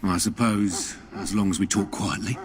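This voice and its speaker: An actor playing a chatty, gossiping soldier guarding a tent in a video game. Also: male voice, low-pitched, moderate pace, crowd noise, lightly acted. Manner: conspiratorial, chatty. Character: gossipy adult male camp guard, loyal soldier.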